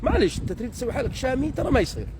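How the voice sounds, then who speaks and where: A man's voice: very high-pitched, big pitch swings, very fast, very noisy. A man with a Deir ez-Zor Syrian accent, ranting outdoors on a city street in a mocking, sarcastic way. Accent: Deir ez-Zor Syrian Arabic. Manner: mocking, sarcastic, mimics other dialects.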